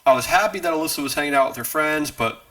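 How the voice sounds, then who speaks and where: Rambling, bright-voiced man telling a story. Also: fairly high pitch, fast talker, no echo. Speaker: podcast co-host. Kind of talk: casual podcast chat. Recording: distant from the mic, dry sound.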